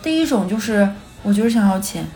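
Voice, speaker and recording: A woman co-hosting a podcast speaks at a rapid clip in a medium-pitched voice. She tells her stories as casual chat, acts out the quoted lines herself and laughs often. The recording sounds like a small studio. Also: faint music behind. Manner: lively storyteller who acts out quoted dialogue and laughs often. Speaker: podcast co-host. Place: radio studio.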